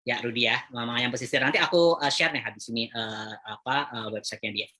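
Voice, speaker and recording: A man talking through a webinar in a relaxed, conversational way, with a bright, clear tone. He often hesitates between phrases and speaks directly to his audience at an ordinary pitch. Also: quick pace. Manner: frequent "eh" hesitations, chatty address to viewers. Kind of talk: casual webinar presentation.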